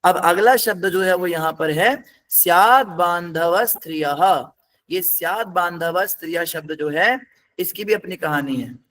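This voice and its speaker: High-voiced man teaching a scripture class. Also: unhurried, fairly bright tone. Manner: patient, step-by-step explaining, quizzes the class.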